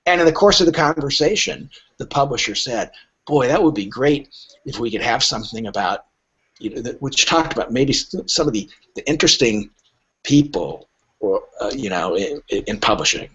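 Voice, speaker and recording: On dull, lo-fi podcast audio, a literary agent guest speaks casually in a husky, mid-range voice at a moderate pace. He's an animated storyteller who performs imagined dialogue as he goes.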